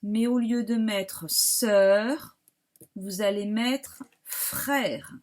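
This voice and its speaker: A woman teacher with a French accent giving a slow, careful dictation lesson to young pupils, spelling words out. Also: medium pitch. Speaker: primary school teacher.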